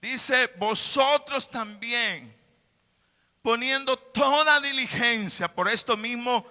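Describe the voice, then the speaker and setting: A man's voice: very high voice, slow pace, bright, forceful tone, long reverb tail. A man preaching a sermon in a church, emphatic, repeating his phrases. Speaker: pastor.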